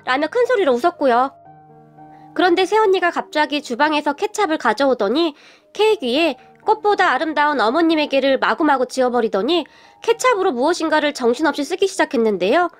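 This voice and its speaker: A woman's voice: sits high, lively intonation, fairly quick. A young woman telling a first-person story in the style of a narrated radio story. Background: soft background music.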